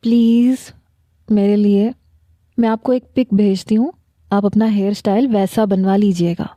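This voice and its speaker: A woman voicing a giggly, teasing young bride-to-be in a storybook novel, lifting her voice higher than her narration. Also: steady tone, dark tone, dry recording, lightly acted.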